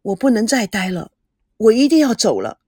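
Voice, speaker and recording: A woman reading a story aloud, voicing a heartbroken, earnest young groom who is leaving for the army. Her voice is husky and breathy. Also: on the high side, sing-song, moderate pace, darkish tone, dry recording, clean studio sound. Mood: anguished.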